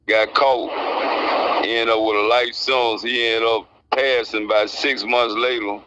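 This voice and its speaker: A man's voice: mid-range voice, little pitch movement, measured pace, muffled recording, heavy background noise. A man in his sixties with a Southern Alabama accent, answering interview questions in a plainspoken, colloquial way. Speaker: interviewee, prison inmate. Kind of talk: casual interview answers, recounting experience.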